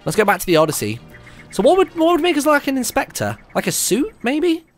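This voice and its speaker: Young british guy streaming a game, chatty, voice kinda high and jumping all over, faint game music behind. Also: wildly swooping pitch, fairly quick. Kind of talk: casual live gameplay commentary, chatting with viewers. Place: indoor room, streaming setup at home. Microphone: close microphone on a stand. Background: video game music.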